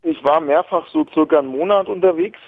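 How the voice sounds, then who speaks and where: Young male caller, phone-line audio, gravelly voice, chatty and rambling. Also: a little high, fast talker, dry recording. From Berlin, Germany. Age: 20s. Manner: rambling, many fillers and restarts, easy laughs. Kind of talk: casual phone-in chat. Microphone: telephone. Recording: tinny phone line, dry.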